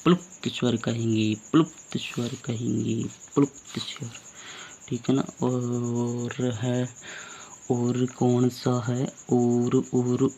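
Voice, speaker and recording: A man's voice: mid-range voice, dark tone, a little hiss or hum. A male teacher giving a casual grammar lesson, asking his own questions and answering them, and sometimes correcting his slips.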